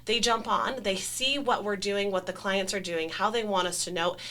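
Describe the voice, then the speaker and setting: A woman's voice: mid-range voice, fairly even intonation, moderate pace, sharp tone. A woman working as a staff trainer explains procedures conversationally in a corporate training video interview, with an enthusiastic, emphatic manner.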